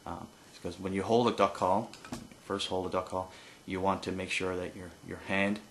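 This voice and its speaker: A man giving an informal hands-on tutorial as an instructor, explaining haltingly with pauses and no script. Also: sits low, level tone, slight background noise. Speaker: duck-calling instructor.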